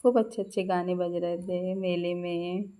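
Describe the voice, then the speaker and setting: Woman vlogger, Madhya Pradesh Hindi accent, casual storytelling, mellow, low-pitched. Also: flat delivery, moderate pace. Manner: chatty, storytelling, laughs often. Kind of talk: casual vlog voice-over narration.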